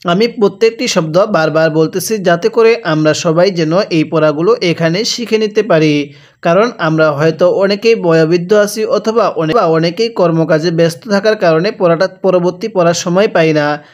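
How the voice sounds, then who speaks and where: A man teaching Quran reading with a Bangladeshi Bengali accent, spelling out each syllable slowly, then asking how to read it and repeating it. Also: sits high. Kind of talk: slow spelled-out recitation lesson.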